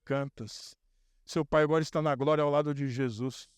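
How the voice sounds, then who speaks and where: Male pastor, repetitive build-up preaching, clear resonant tone, dry sound. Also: on the high side, fairly even intonation, normal speed, dry recording. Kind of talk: sermon.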